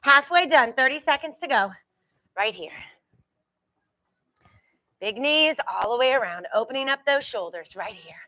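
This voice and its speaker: A woman's voice: fairly high pitch, expressive, measured pace, long pauses, sharp tone, dry recording. A woman leading a group exercise class as instructor, encouraging and reassuring, giving short repeated cues and countdowns. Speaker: fitness instructor.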